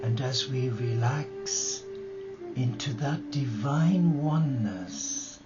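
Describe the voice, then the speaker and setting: In a dull, lo-fi live recording with music, a religious brother leads a guided meditation and prayer. He speaks in a medium-pitched voice, reverently and gently, offering short phrases with long pauses in between.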